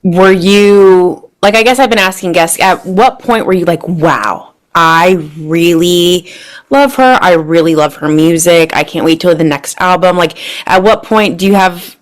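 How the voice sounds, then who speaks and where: A woman's voice: on the low side, measured pace. A woman hosting a casual podcast interview, chatty and encouraging, with lots of fillers. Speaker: podcast host.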